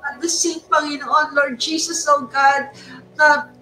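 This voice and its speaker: A woman with a Filipino accent leads a fervent intercessory prayer in a high voice. She calls out "Lord God" again and again between her phrases. She sounds set back from the microphone, with music playing clearly under her. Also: fairly even intonation, slow pace, pushed and bright. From Philippines. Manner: repeats "Lord God" between phrases, mixes two languages. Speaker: prayer leader. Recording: distant mic with music underneath.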